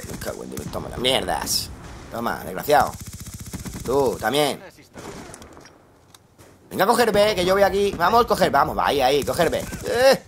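A young man with a Spain Spanish accent and a slightly hoarse voice, giving excitable live commentary over his gameplay and swearing at teammates. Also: medium pitch, moderate pace, pauses often, a little hiss or hum. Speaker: gamer streaming live gameplay. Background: faint gunfire from the game.

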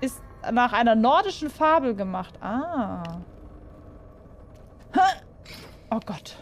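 A woman's voice: on the high side, very animated, takes it slowly, a little hiss or hum. A young woman playing a horror game and commenting for her viewers, jumpy and full of exclamations, often asking them questions. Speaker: gaming YouTuber.

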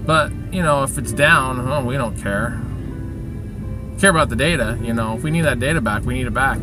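A man's voice: mid-range voice, quick pace, music in the background. A middle-aged man rambling through a downbeat, self-pitying personal rant, recorded inside a vehicle. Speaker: vlogger.

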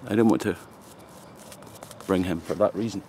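A man's voice: deep voice, normal speed, darkish tone, a little hiss or hum. A Scottish man in his fifties chatting casually to a camera held close while shaving outdoors in a forest, joking and laughing often. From Scotland. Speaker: shaving vlogger. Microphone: camera close up at arm's length.

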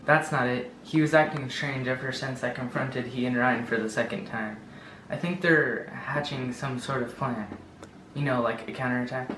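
A man playing a young dark side apprentice who insistently questions his master. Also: mid-range voice, fairly even intonation, normal speed, roomy sound, noisy background, natural voice. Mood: defiant.

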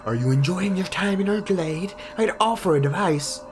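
A man's voice: high voice, expressive, moderate pace, music in the background, voice pushed up. A man voicing a courteous ghostly bug warrior who speaks in a polite, formal way.

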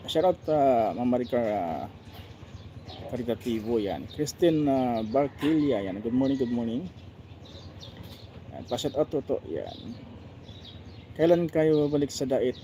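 A man's voice: medium pitch, dark tone, slight background noise. A man with a Filipino accent hosting a casual live stream, reading viewer names and comments aloud with many fillers. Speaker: vlogger reading live chat.

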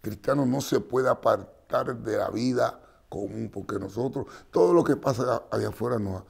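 A man's voice: medium pitch, normal speed, a little mellow. A man, a reverend hosting a TV program, answering viewer questions in an emphatic preaching manner, repeating phrases and addressing the asker by name. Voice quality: gravelly.

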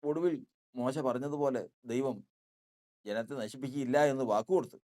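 A man's voice: medium pitch, moderate pace, mellow. Emphatic Malayali male preacher. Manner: emphatic, repeating key phrases, voice rising and dropping. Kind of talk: sermon.

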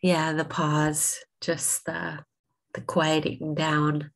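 A woman rabbi leading an online class, sniffly with a cold, speaking in an unhurried way with many ums and restarts. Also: deep voice, completely flat delivery, vocal fry, rough recording.

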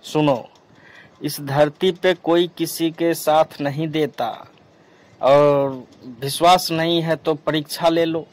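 Man voicing a calm old hermit guru. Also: on the high side, slow. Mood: instructive. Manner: calm, instructive.

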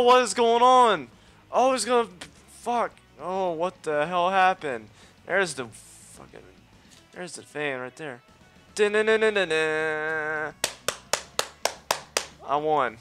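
A man giving live gameplay commentary, boasting, swearing often and yelping when things go wrong. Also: a little high. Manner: excitable, swears often, yelps at mishaps; cocky trash talk. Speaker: let's play host.

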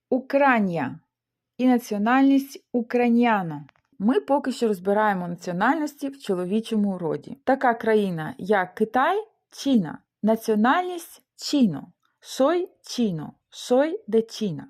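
Lively woman teaching Spanish slowly. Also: medium pitch. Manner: slows down to pronounce Spanish words clearly. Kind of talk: language lesson.

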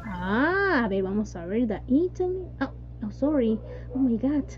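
Her high voice has a sing-song quality and a measured pace as this English teacher leads an online class, code-switching between Spanish and English with frequent "yes" and "¿no?". The sound is dull, lo-fi video call audio with a faint hum in the background.

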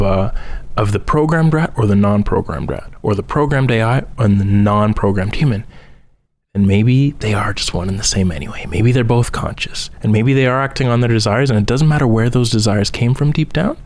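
A man's voice: fairly low pitch, a little mellow, a little hiss or hum. A young man hosting a podcast, talking through ideas in a casual solo monologue with frequent ums and restarts. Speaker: podcast host.

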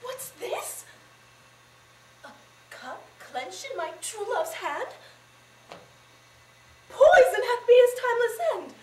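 A woman's voice: very high-pitched, big pitch swings, slow pace, hardly any pauses, a little mellow, slight background noise, exaggerated voice. A young woman playing a grief-stricken lover in verse. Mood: anguished. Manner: anguished, dramatic stage verse delivery. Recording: distant echoey auditorium recording.

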